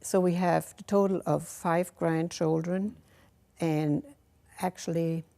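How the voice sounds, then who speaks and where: Slow, gravelly older woman from Germany. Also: on the low side, steady tone, warm tone. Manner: hesitant, halting, many fillers. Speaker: interview guest, officer's wife. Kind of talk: interview answers. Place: studio with dark backdrop. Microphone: lapel mic.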